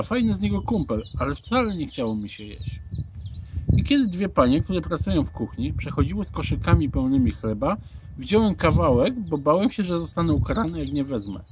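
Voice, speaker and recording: A man's voice: on the high side, background noise. A man reading a children's storybook aloud, narrating expressively as a small boy. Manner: expressive, animated. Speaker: audiobook reader.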